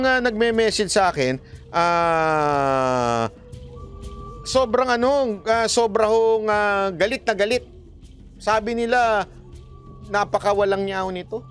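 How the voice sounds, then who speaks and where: A man vlogger giving casual commentary on the news, addressing officials directly and laughing at his own jokes. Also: high voice.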